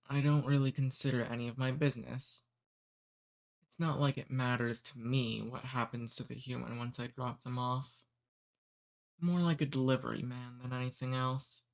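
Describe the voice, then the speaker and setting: A man performs a lightly acted ASMR roleplay as a courteous demon who abducts humans. He speaks softly and at an easy pace in a plain, medium-pitched middle register, amused and gently teasing, never threatening.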